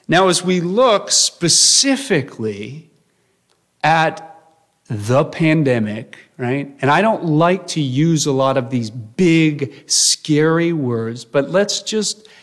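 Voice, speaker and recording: A man in his thirties delivers a sermon. His voice sits slightly higher than most men's, and his delivery is earnest and conversational, full of "you know" and "okay?" asides. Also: animated, slow, fairly bright tone. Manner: earnest, conversational preaching with frequent fillers. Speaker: pastor.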